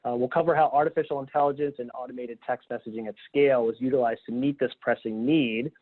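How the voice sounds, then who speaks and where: A man hosting a video-call webinar, relaxed and upbeat, laughing easily while guiding the panel. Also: mid-range voice, fast talker. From Philadelphia, Pennsylvania. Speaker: webinar host. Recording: tinny phone-like call audio.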